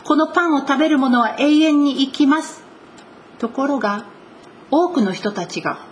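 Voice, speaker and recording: A woman gives a sermon from the pulpit, leaning on important words with slow, earnest emphasis. Her voice sits a little high. A faint hiss of room noise runs underneath. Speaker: pastor.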